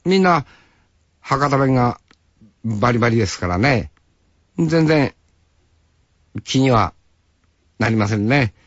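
A man's voice: mid-range voice, lively intonation, takes it slowly, pauses often, a bit bright, dry recording, dull audio. A man in his sixties from Hokkaido, hosting a radio show with a rambling, folksy monologue that he speaks straight to the listener. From Hokkaido, Japan. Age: 60s. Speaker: radio host.

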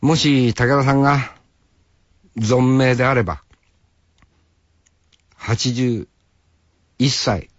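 A man's voice: medium pitch, fairly even intonation, very slow, pauses often, dry recording, dull audio. A man in his sixties from Hokkaido, hosting a radio show with a rambling, folksy monologue that he speaks straight to the listener. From Hokkaido, Japan. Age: 60s. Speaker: radio host.

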